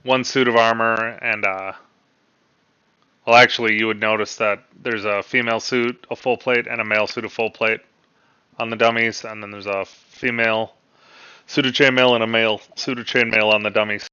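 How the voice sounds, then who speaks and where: A man's voice: lowish voice, level tone, normal speed, sharp tone, clear, resonant tone, no room sound, dull audio. A man running a tabletop game as dungeon master over voice chat, patiently laying out rules and describing the scene.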